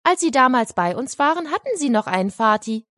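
A woman voicing a curious little girl in a storybook reading, high and questioning. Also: sing-song, brisk, fairly bright tone, no room sound, clean studio sound.

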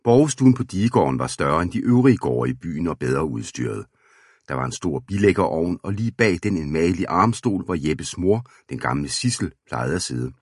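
Deep husky male storyteller. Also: big pitch swings, no echo, studio quality. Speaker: audiobook reader. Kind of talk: storybook narration.

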